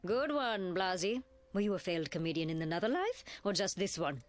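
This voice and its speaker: A woman's voice: fairly low pitch, sing-song, fairly quick. A woman playing a brash, tough character in a video game, with mocking, threatening banter. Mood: sarcastic.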